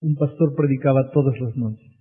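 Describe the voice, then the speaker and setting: A man's voice: mid-range voice, normal speed. A man preaching an evangelistic sermon, telling a story dramatically and building to impassioned appeals. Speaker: pastor. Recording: tinny, phone-like husky sound.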